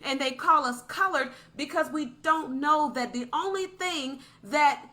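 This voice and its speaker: A woman's voice: sits high, a little slow, sharp tone. A woman delivering a passionate, preachy podcast monologue, repeating points for emphasis.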